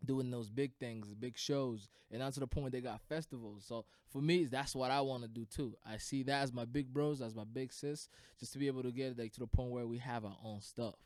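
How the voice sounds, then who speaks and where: A man's voice: medium pitch, fairly even intonation, brisk, few pauses, darkish tone, dry recording, studio quality. A young man from Burundi, a guest DJ, talking in a laid-back, slangy way with plenty of "man" and "you know.". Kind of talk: casual podcast interview.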